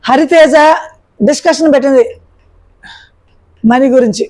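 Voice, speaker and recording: A woman's voice: sits high, measured pace, darkish tone. A woman recapping a reality show episode in an opinionated commentary, firing off rhetorical questions.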